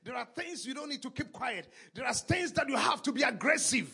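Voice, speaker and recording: A fervent male preacher. His voice is high-pitched, gravelly and husky. He swings widely in pitch and often breaks into shouts. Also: expressive, fairly quick. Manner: fervent, shouting, punctuating lines with "ah" and "hallelujah". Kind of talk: sermon with live interpretation.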